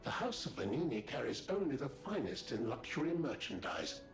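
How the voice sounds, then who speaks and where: A man's voice: mid-range voice, sing-song, normal speed. An actor voicing a polite male puppet butler in a video game, speaking in formal, deferential salesman patter. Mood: courteous. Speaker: major domo of a luxury shop. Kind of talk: video game character dialogue. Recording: roomy game audio with music behind.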